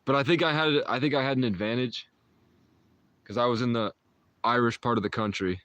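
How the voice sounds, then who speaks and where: Here a man in his twenties talks briskly in a medium-pitched, slightly bright voice, with no room sound at all. As a livestream host, he drifts through mystical, meandering chatter with viewers, peppered with restarts and short laughs.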